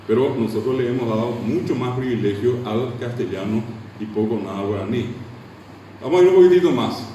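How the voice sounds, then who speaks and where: A man's voice: mid-range voice, a little fast, mellow, dull audio, a little hiss or hum. A man from Paraguay with a Paraguayan Spanish accent, giving a classroom lecture on language, asking the class questions and drilling sounds aloud. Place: lecture room. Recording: echoey hall from far off.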